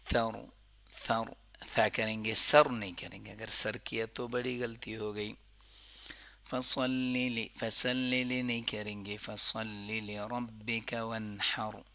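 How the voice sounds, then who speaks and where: Bright-voiced male recitation teacher. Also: on the low side, level tone, slight background noise. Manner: slow drawn-out recitation between quick explanations; corrective, repeating wrong and right forms. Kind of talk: tajweed lesson.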